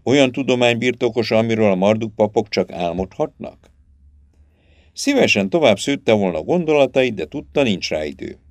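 A man narrating an audiobook in an expressive, dramatic storytelling manner. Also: medium pitch, dry recording.

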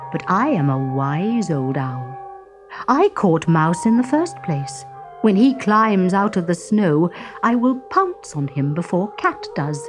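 A woman's voice: lowish voice, voice pushed down. A woman playing a smug wise old owl. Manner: boastful, scheming.

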